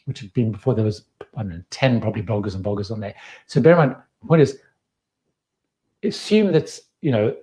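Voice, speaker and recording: A man in his fifties with a slight Zimbabwean accent and a warm, mellow voice. He hosts a live-stream Q&A in a loose, chatty way, handing out advice as he goes. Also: mid-range voice. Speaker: host.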